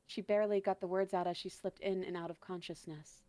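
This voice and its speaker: A woman reading a horror story aloud in a steady, dramatic way, then chatting casually. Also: fairly low pitch, brisk, dry recording. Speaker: guest storyteller.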